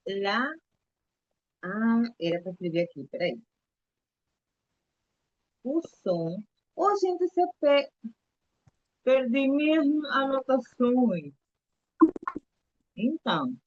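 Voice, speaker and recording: A woman's voice: on the high side, a little mellow, highs cut off. A woman teaching a live online Spanish lesson to children, patiently repeating letters and coaxing the kids to answer.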